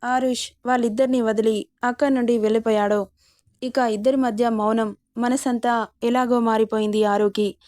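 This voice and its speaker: Fairly high-voiced woman reading a story. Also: fairly even intonation, moderate pace, darkish tone, no echo, studio quality. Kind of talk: serialized romance story reading.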